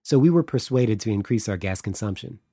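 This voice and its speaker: A man's voice: lowish voice, lively intonation, brisk, mellow, slightly rough, dry recording, studio quality. A man voicing a young Estonian woman official who explains things earnestly and a little formally, with an Estonian accent. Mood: explaining.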